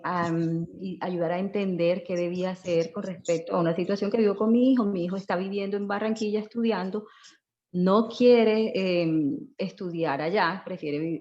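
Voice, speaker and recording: A woman's voice: medium pitch, mellow, highs cut off. A woman with a Colombian accent, a mother, hesitantly sharing a personal prayer request in class, with many fillers. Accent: Colombian Spanish.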